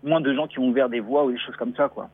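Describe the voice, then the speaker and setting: A man talking as a guest traveler in a radio interview, halting and thoughtful, with many restarts. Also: medium pitch, fairly even intonation. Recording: thin phone-like dry sound.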